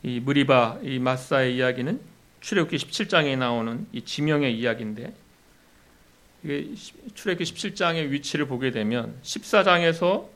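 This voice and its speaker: A man preaching a sermon as a pastor. His voice climbs and gets louder when he voices the complaints of the people, then drops low and soft to close each point. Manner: rises in pitch and volume when voicing complaints to God.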